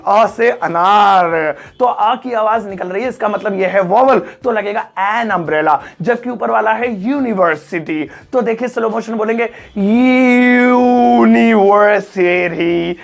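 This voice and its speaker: High, gravelly man teaching playfully. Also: a bit bright. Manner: joking, playful teasing of students, drawn-out slow-motion sounds. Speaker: English teacher. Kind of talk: classroom grammar lesson.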